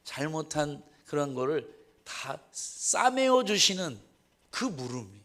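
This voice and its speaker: A man's voice: on the high side, very animated, takes it slowly, a bit bright. Earnest preaching male pastor. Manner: earnest preaching with frequent rhetorical "응?"; acts out dialogue in quoted voices. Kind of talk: sermon. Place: church service.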